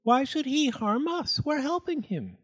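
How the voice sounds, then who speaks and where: A man voicing a small female mouse in a storybook, a caring, anxious wife with a gentle, earnest manner. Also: extremely high pitch, big pitch swings, a little slow, voice pushed up, full character voice.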